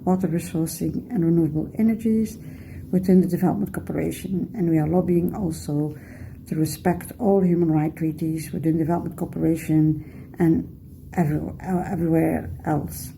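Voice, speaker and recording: A woman from Belgium giving a steady, earnest self-introduction as a board candidate. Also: on the low side, normal speed, vocal fry, a little hiss or hum, low-quality recording.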